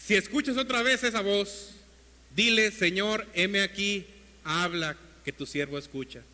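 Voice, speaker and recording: A male preacher voicing an old priest who calmly instructs a boy in a retold story. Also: high voice, measured pace, long reverb tail, exaggerated voice. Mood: advising. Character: old male priest giving calm advice.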